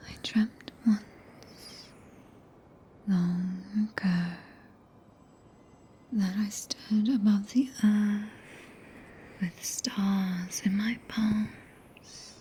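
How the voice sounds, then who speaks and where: A British woman voicing a tender, possessive, regal witch in a breathy, intimate whisper for an ASMR roleplay, speaking archaic English close to the microphone. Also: mid-range voice, flat delivery, slight background noise. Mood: solemn, devoted. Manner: slow, hushed, intimate, solemn. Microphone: close binaural microphone.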